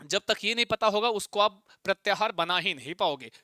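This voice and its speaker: A man teaching a Sanskrit exam-prep lesson. He chants the sutras slowly in a sing-song and teases his students into reciting along. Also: sits high, expressive, sharp tone, no room sound, studio quality.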